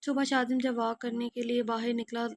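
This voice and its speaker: A woman's voice: a little high, flat delivery, a little hiss or hum. A woman narrating a romance audio novel, reading steadily and sometimes correcting herself. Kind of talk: scripted narration.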